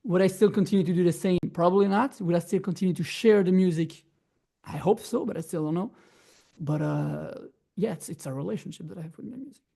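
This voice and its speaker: A young man from Belgium chats as a guest musician, his voice a little gravelly. He speaks in English, halting and restarting often with lots of fillers. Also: sits high, dark tone. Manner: hesitant, many restarts and fillers, non-native phrasing. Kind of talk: casual interview chat.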